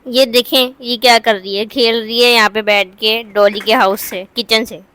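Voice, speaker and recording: A woman's voice: fairly high pitch, fairly even intonation, moderate pace, pushed and bright. A woman vlogging casually, coaxing and teaching in a playful manner like a teacher. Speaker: family vlogger. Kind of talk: casual vlog.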